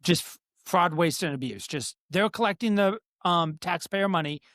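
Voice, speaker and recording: A podcast host with a medium-pitched, slightly bright, animated voice talks politics at normal speed in a blunt, profane, casual way. A speech impediment keeps him from pronouncing R, so it comes out as W. The studio recording is clean and dry.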